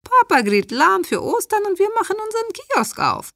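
A woman's voice: sing-song, normal speed, no room sound, clean studio sound, full character voice. Woman doing a brash immigrant mother. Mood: scheming. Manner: broken German, loud and high-pitched. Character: bossy Greek immigrant mother, middle-aged, brash.

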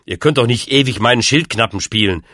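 A man's voice: medium pitch, fairly quick, pushed and bright, dry recording, clean studio sound. A man voicing a young knight who speaks firmly and reasonably. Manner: firm, level and reasonable. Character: young male knight, calm and earnest.

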